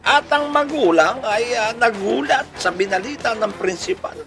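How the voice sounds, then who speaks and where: Music plays under a Filipino-accented male host's comedic storytelling on a radio-style channel. His voice is very high-pitched with lively intonation at normal speed, and he chuckles playfully while firing off rhetorical questions.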